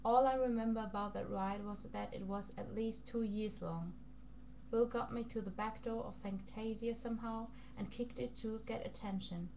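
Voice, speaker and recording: A woman's voice: medium pitch, fairly even intonation, normal speed, creaky, a little mellow. A woman reading a novel aloud in a put-on, funny foreign accent, stumbling over words now and then and rereading phrases. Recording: noisy recording with background hum.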